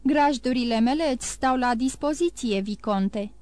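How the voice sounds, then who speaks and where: A woman reading an audiobook, voicing a calm, grave nobleman count who speaks in a measured, solemn way. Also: high voice, lightly acted. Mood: composed.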